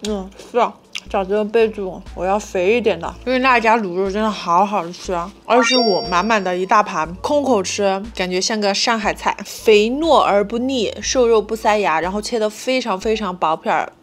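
A woman's voice: mid-range voice, normal speed, faint music behind. A young woman food vlogger giving casual, enthusiastic and emphatic commentary as she eats in a small room. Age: young adult. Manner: enthusiastic, emphatic with repeated words; talks while eating.

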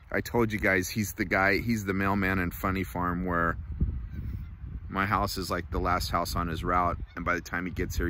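A middle-aged man chatting casually to camera outdoors, in a laid-back, folksy way with short phrases and pauses. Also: low-pitched, sharp tone, a little hiss or hum. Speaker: vlogger. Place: outdoors by a river in a wooded valley. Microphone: phone at arm's length.

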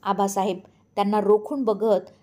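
A woman narrating a story aloud in a steady storytelling manner. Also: medium pitch, moderate pace. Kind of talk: audiobook narration.

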